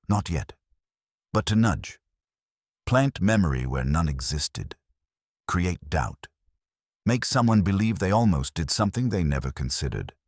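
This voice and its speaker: A man reading the lines of a grave, deliberate police inspector in a mystery story, in clipped pronouncements. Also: low voice, slightly rough, no echo, studio quality, exaggerated voice. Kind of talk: read-aloud mystery story dialogue.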